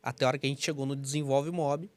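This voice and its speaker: A man's voice: medium pitch, level tone, fast talker, darkish tone. A man telling his story on a podcast, enthusiastic and repeating phrases for emphasis. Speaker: podcast host. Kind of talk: casual podcast chat.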